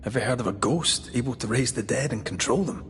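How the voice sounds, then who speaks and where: A man's voice: medium pitch, fairly quick, a little hiss or hum, close to an everyday voice. A man playing a grim, inquisitive ghost hunter in brooding, serious video game dialogue. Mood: questioning.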